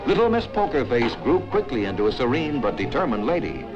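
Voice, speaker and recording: A man narrating an old newsreel in a brisk, emphatic announcer manner. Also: medium pitch, sing-song. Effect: old newsreel soundtrack. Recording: dull lo-fi film soundtrack with music.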